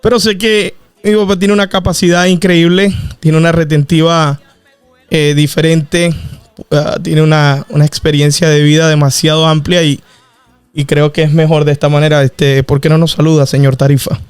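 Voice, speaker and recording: A man's voice: a little high, flat delivery, normal speed, clean tone, no room sound, soft background music. Friendly man asking questions. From Venezuela. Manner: friendly, prodding questions with many fillers. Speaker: podcast host interviewing his father. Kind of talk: casual podcast interview.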